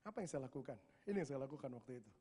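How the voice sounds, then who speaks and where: A male pastor, preaching a testimony sermon with casual slang, moving from soft prayerful lines to loud emphatic ones. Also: mid-range voice, lively intonation, rapid-fire, slightly rough. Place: church hall. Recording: long reverb of a large hall.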